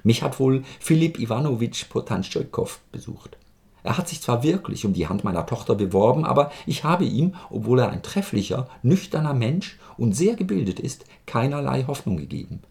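A man's voice: mid-range voice, big pitch swings, moderate pace, vocal fry, darkish tone, voice pushed up. A man voicing a prim, indignant older lady reading out her own letter in an affected, raised voice.

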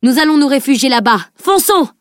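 A woman's voice: on the high side, normal speed, no room sound, studio quality, voice pushed up, close to an everyday voice. A woman voicing a tense commanding male warrior leader who barks urgent orders in a storybook reading.

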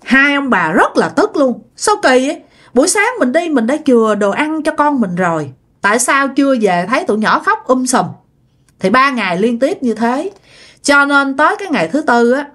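A woman's voice: fairly high pitch, sing-song, normal speed, fairly bright tone. A woman telling a ghost story in a chatty, casual way, speaking straight to her listeners. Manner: chatty, addresses listeners directly.

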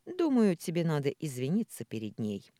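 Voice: mid-range voice, moderate pace, no echo, clean studio sound. A reader doing a weary, patient father. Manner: calm, tired, reasoning. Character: gentle middle-aged man, patient weary father. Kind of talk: audiobook character voicing.

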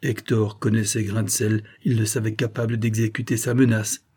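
A man narrating a classic French novel as an audiobook, in a measured, dramatic storytelling manner. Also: lowish voice, level tone, a little mellow, husky.

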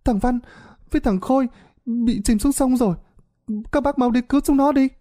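A man's voice: high voice, moderate pace, dark tone, pitched above the performer's own voice, natural voice. A man voicing a frightened village boy in a storybook tale, stammering and urgent. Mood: panicked.

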